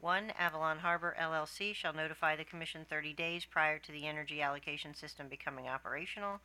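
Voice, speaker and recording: A woman commissioner speaking formally at a public meeting in a brisk, businesslike manner. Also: sits low, sharp tone, clear, resonant tone. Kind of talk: formal meeting questions and motion.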